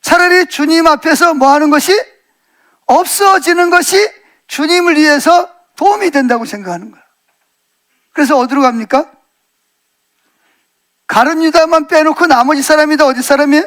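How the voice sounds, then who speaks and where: A middle-aged male pastor preaching a sermon, retelling a story with lively acted quotes and frequent questions to the congregation. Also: extremely high pitch, moderate pace, long pauses.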